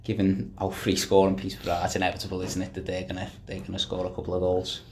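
A man giving measured, unhurried remarks on a football podcast. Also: low voice, completely flat delivery, vocal fry, a little hiss or hum. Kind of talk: casual football podcast chat.

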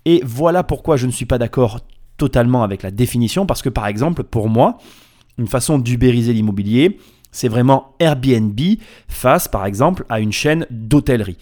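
This man hosts a casual solo podcast, talking informally, playfully and with emphasis while drifting off on tangents. His voice is medium-pitched and darkish, with lively intonation at a moderate pace.

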